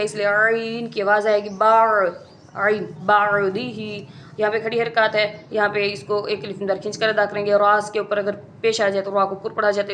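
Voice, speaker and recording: A woman gives a methodical recitation lesson, going through each rule in turn. Her pitch sits in the middle and barely moves. She is patient and repetitive, as a teacher guiding students. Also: a bit bright, slight background noise. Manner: patient, methodical, repeats rules slowly. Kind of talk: step-by-step tajweed lesson.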